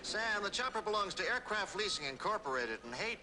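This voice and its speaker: An actor playing a brisk, businesslike but excitable male agency chief. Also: high-pitched. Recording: clear background noise.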